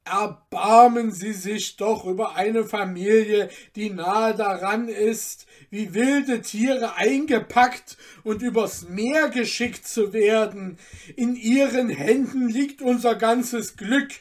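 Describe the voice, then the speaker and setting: A woman voicing a poor male knife-smith father who begs loudly, in a storybook reading. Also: on the high side, slow pace, pitched above the performer's own voice. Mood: pleading. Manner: pleading, loud.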